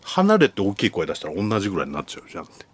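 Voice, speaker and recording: A middle-aged man co-hosting a casual comedy radio talk show in a studio, telling stories in a quiet, mumbling, deadpan way. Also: deep voice, very fast, a little hiss or hum.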